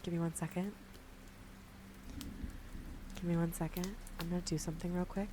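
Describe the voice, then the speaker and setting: A woman's voice: lowish voice, flat delivery, moderate pace, background noise. A woman hosting a whispered ASMR gaming stream with casual chat, speaking in a playful, giggly, slangy way. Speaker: streamer and host.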